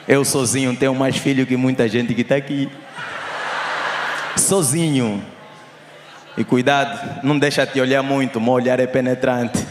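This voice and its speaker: A young man with an Angolan Portuguese accent doing live stand-up, teasing the crowd loudly and shouting his punchlines. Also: mid-range voice, steady tone, normal speed, pauses often, noisy background. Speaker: stand-up comedian. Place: live comedy show on stage. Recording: echoey hall with crowd.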